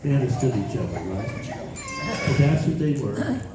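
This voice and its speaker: A man's voice: medium pitch, animated, normal speed. Old american grandpa rambling thru family history, grandfatherly storytelling, far from the mic, roomy n noisy. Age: older. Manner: rambling grandfatherly reminiscing with repeated phrases. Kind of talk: informal oral family storytelling. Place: echoey room, recorded from a distance. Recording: roomy, noisy, distant microphone, clicks.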